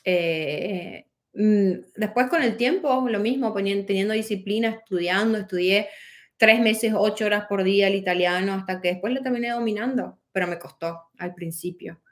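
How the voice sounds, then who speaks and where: Woman life coach, casual Q&A, talky, mid-pitched voice. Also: moderate pace. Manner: chatty and reflective, many fillers and restarts. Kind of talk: casual Q&A answering viewer questions.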